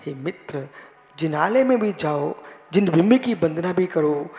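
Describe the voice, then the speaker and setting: A man, a Jain monk, giving a sermon, repeating his phrases and building to loud, emphatic exhortation. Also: on the high side, animated, a little slow, lo-fi sound. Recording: reverberant hall.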